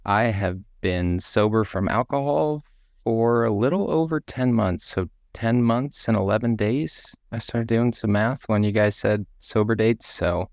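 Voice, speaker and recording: Playful man guest, low gravelly voice. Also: a little slow, a little mellow, no room sound, clean studio sound. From South Texas, USA. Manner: playful, joking. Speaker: podcast guest. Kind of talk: casual podcast chat.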